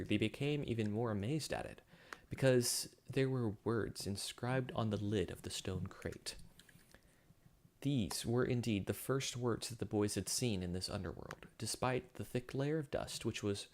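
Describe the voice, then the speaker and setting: A man's voice: mid-range voice, moderate pace, darkish tone. A man reading his own science fiction story aloud, with occasional slips and self-corrections. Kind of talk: story narration.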